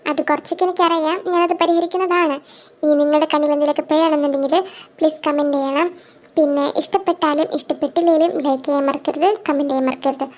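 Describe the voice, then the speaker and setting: A young Malayali woman reading her own fan fiction story and voicing every part, with a high, girlish voice and a lively, teasing way of talking. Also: fast. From Kerala, India. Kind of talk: audio drama reading, voicing all parts.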